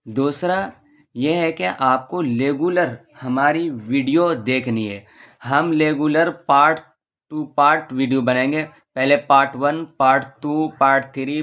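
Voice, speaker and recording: A man, a madrasa teacher, giving a patient beginner's lesson and reciting the alphabet slowly, letter by letter. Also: medium pitch, a bit bright.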